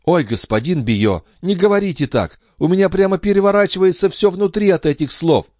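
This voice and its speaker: A man's voice: high voice, fairly quick, no room sound, studio quality, pitched above the performer's own voice. Man playing a naive, eager peasant lad. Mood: flustered protest. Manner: earnest, excitable, polite.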